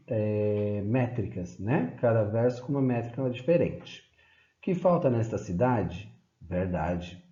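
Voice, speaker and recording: A man gives a slide lecture in a lowish, very dark and mellow voice. He explains patiently, leaning on fillers, and the lo-fi recording sits in an echoey room. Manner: explanatory, repeats "né" and "então", reads poems aloud. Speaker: teacher.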